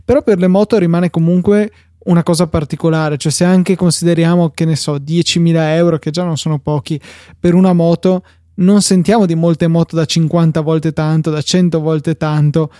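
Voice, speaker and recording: A man's voice: a little high, warm tone, clean tone, no echo, studio quality. A man hosting a casual podcast discussion, rambling as he thinks aloud. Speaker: podcast host.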